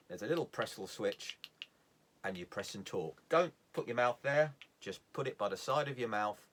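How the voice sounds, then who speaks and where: With a lowish, fairly bright voice, a man teaches sailing in a casual, practical talk. He goes step by step in plain language and repeats the important points to drive them home.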